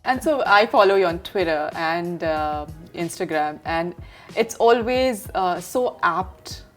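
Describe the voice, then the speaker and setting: A woman's voice: on the low side, animated, slow, soft background music. Eager woman talk show host. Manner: gushing and eager, with soft affirming murmurs. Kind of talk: interview.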